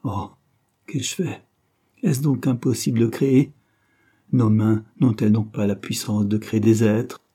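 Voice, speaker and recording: An anguished painter, murmuring in despair, as a man reads him aloud. The voice is low, husky and dark, with a faltering, shaken delivery. It is a character in a literary audiobook. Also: steady tone, a little slow.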